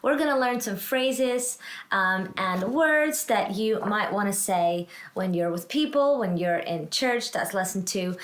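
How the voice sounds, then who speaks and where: A woman's voice: mid-range voice, lively intonation. Woman teaching phrases. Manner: slow, careful, repeats phrases for the learner to copy. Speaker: language teacher. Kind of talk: friendly language lesson. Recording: echoey room.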